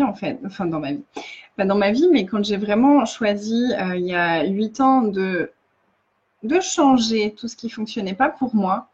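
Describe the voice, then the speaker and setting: Husky woman coaching on a lo-fi live video. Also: mid-range voice, a little mellow. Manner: earnest, restarts often, repeats phrases. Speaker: facilitator.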